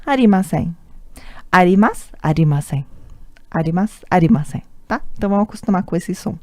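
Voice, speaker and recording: A woman's voice: lowish voice, brisk, mellow, no echo. A woman with a Brazilian Portuguese accent teaching an online language lesson, patient and repetitive, often checking in with the listener. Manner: patient, repeats words often, tag questions. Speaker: Japanese teacher.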